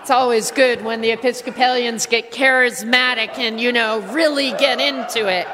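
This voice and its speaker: A woman pastor giving a sermon, playful and animated, with voiced asides. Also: a little high. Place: church. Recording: church hall reverb.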